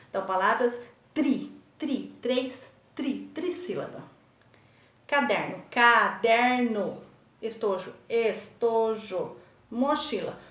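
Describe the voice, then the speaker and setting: A woman teaching young children remotely, with a São Paulo accent, sounding out words syllable by syllable in a patient, encouraging way. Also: a little high. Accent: Brazilian Portuguese, São Paulo state. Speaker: primary school teacher. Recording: echoey room.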